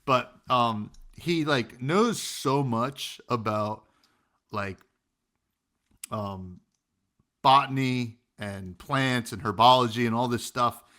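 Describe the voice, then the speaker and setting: A man's voice: medium pitch, slow, pushed and bright. A man co-hosting a casual podcast, talking animatedly with many fillers and acting out quotes. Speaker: podcast co-host.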